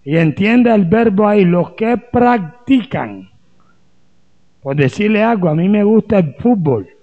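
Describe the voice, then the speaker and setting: A man's voice: high-pitched, animated, measured pace, muffled recording. A man from Colombia, a pastor preaching a sermon with humor and rhetorical questions.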